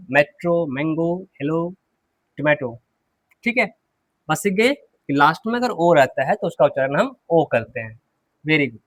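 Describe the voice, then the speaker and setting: A man teaching English pronunciation, slowly repeating words and asking and answering his own questions, clearing his throat often. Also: sits high, no room sound. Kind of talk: classroom lesson.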